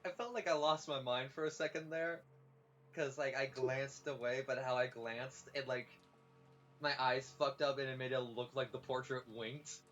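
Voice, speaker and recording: Excitable, swearing young-sounding man on a lo-fi mic. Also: medium pitch, normal speed. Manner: excitable and laughing, with casual swearing. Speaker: co-player. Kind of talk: casual chat during a let's play. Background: faint game music.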